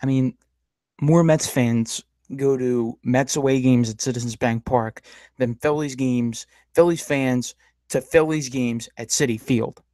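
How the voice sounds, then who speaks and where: A man's voice: mid-range voice, fairly even intonation, measured pace, dark tone, no room sound. A man hosting a casual podcast, rambling and stammering as he rants about sports rivals. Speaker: podcast host. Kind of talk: casual live-stream chat.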